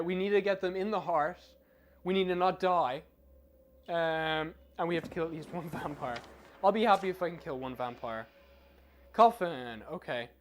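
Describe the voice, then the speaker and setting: A man giving casual live game commentary as a streamer, chatty, informal and self-deprecating. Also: high voice.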